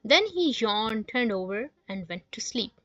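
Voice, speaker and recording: A woman storyteller reading a children's bedtime story aloud, slow and expressive. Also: a little high, dry recording. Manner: slow, expressive, sing-song. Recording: dull lo-fi dry recording.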